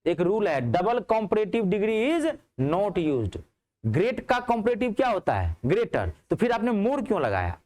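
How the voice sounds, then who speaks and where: A man teaching a grammar class in speech, asking his students checking questions and answering them himself. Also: a little slow. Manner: lively, rising on questions and dropping low on answers.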